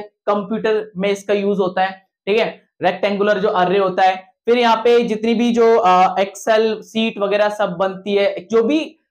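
A man who teaches physics and maths, lecturing his students in a classroom style, asking questions and repeating the answers back to them. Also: sits high. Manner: mixes in English technical terms.

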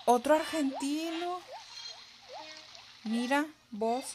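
A young woman, chatting excitedly while playing a game on a live stream. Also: sits high, noisy background. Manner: chatty, excitable, quick laughs. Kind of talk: casual live-stream chat.

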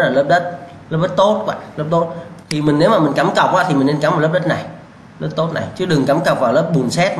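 A male lecturer drilling students with rhetorical questions, repeating key answers and bluntly warning them about mistakes. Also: fairly high pitch. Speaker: civil engineering lecturer. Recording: echoey room with faint background hum.

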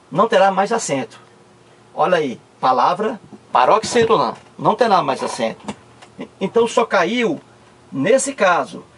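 A man's voice: high-pitched, husky. A man with a Cearense accent from northeastern Brazil, explaining a grammar lesson with lots of emphatic repetition. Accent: Cearense Brazilian Portuguese. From Ceará, Brazil. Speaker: teacher.

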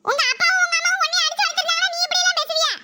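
A woman's voice: very high-pitched, little pitch movement, background noise. A woman voicing a young boy who talks back rudely in a cartoon. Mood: cheeky. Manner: mocking, quick back-talk.

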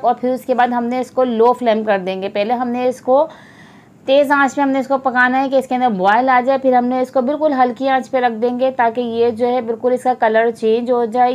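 A woman hosting a cooking channel, narrating a step-by-step recipe in a chatty, explanatory voice-over that speaks straight to viewers. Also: on the high side.

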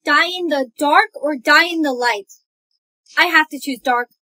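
Young woman doing skits, high bright voice, lots of dramatic panicky outbursts. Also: unhurried. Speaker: skit creator. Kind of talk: comedy skit acting.

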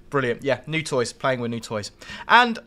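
A man's voice: medium pitch, bright, forceful tone. A man hosting a live-streamed game session, chatting to viewers in a jokey, rambling way. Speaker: live-stream host and train driver. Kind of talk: live-streamed gameplay commentary.

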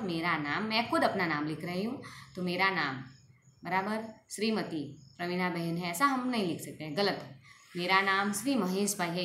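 A woman teacher giving a school Hindi grammar lesson, explaining slowly, repeating examples and often checking with her students. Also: on the low side, a bit bright. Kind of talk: recorded class lesson. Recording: echoey room with faint ambient noise.

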